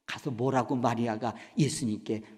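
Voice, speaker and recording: A man preaching a Sunday sermon as pastor in a church sanctuary. He swings between loud cries and hushed whispers and asks the congregation questions. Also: medium pitch, fairly even intonation, normal speed. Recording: reverberant church hall.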